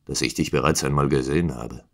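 A man voicing a proud, hostile householder in an audiobook, speaking in a low, hushed, menacing way. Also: fast, creaky. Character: proud, hostile older male Eastern householder.

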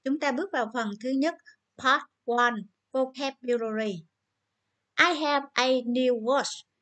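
A woman's voice: sits high, fairly even intonation, fairly bright tone. A woman teacher with a Vietnamese accent giving a vocabulary lesson, reading English words and explaining them in Vietnamese. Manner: slow and careful, switching between English words and Vietnamese explanations. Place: Nha Trang school.

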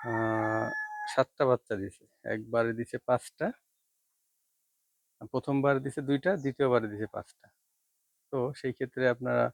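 A man who runs a goat farm, giving a casual walking tour of his shed and speaking quietly so he does not wake the goats. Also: medium pitch, no room sound. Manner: speaks softly to avoid waking the goats.

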